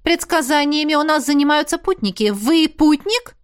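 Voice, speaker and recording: A woman putting on a shrill fussy teacher. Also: lively intonation, moderate pace. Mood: scolding. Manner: strict, scolding, squealing. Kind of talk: audiobook character voice.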